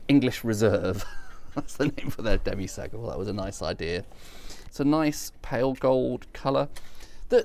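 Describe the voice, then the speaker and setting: Male wine reviewer, casual sommelier manner, animated intonation with some vocal fry, thoughtful and descriptive. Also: medium pitch, slight background noise. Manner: thoughtful, descriptive, savouring tasting notes.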